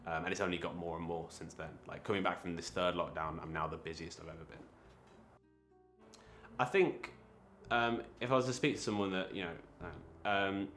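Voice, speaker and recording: A young man talking in a casual, reflective interview, halting often with fillers and restarts. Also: sits low, fairly bright tone, faint music behind. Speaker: creative interviewee.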